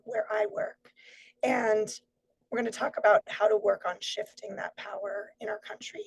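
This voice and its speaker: A hoarse woman who has partly lost her voice, giving an earnest, conversational webinar presentation over a video call with many fillers. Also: mid-range voice, a little mellow, rough recording. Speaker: guest speaker.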